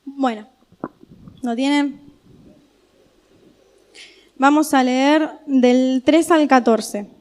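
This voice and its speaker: Argentine lady giving a sermon, high voice, chatty storytelling. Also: extremely slow, pauses often. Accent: Argentine Spanish. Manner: storytelling, animated, conversational. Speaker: preacher.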